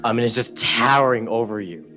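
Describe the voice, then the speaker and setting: A man narrating a tabletop game as dungeon master, with a halting delivery full of ums and uhs. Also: medium pitch, pushed and bright, faint music behind.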